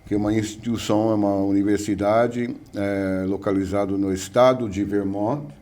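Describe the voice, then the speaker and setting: A man's voice: on the low side, fairly even intonation, moderate pace, mellow. An older man from the United States with an American English accent, a guest professor speaking hesitantly with many fillers in an interview. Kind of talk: interview conversation.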